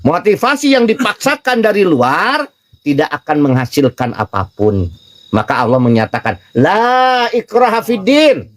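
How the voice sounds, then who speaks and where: A man's voice: a little high, animated, normal speed. A man with an Indonesian accent giving an informal religious study talk, telling stories and acting out the dialogue while joking with his listeners. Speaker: religious teacher.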